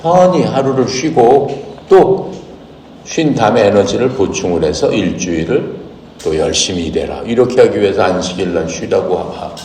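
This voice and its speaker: Deep-voiced man preaching in an echoey hall. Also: animated, moderate pace, dark tone, far from the mic, slight background noise. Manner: asks the congregation questions, explanatory teaching. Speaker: pastor. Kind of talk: Bible reading and sermon.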